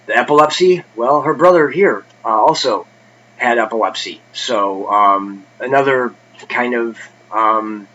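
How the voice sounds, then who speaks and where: Man, bright tense voice, congested, casual rambling book-chat host, dull lo-fi sound. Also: mid-range voice, a little slow, slight background noise. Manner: rambling, many fillers and restarts. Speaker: book review channel host.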